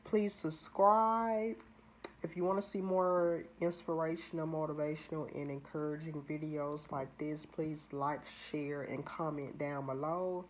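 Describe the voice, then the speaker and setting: A woman's voice: deep voice, level tone, moderate pace, hardly any pauses, darkish tone, slight background noise. A woman hosting her own channel, giving a candid, confessional motivational talk drawn from her own experience. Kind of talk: motivational personal vlog talk.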